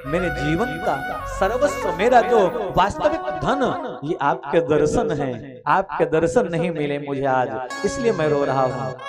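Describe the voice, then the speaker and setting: A man preaching a devotional tale voices a humble, weeping old devotee who speaks in a pleading way over loud music. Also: a little high, lively intonation, measured pace, few pauses.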